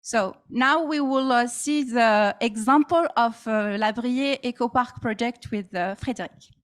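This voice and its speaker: Hesitant woman presenter, higher voice. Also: a little slow. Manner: hesitant, frequent fillers. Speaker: conference speaker. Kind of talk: technical conference presentation.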